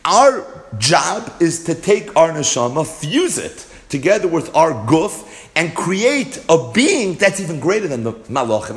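A man teaching a Torah class, mixing Hebrew and Yiddish terms into his English and driving points home with rhetorical questions. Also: fairly high pitch.

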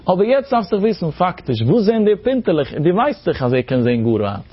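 A man's voice: high voice, sing-song, fairly quick, slightly rough, muffled recording. A man teaching a Talmud lesson in a sing-song explanatory cadence, mixing in Hebrew terms. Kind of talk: Talmud study lecture.

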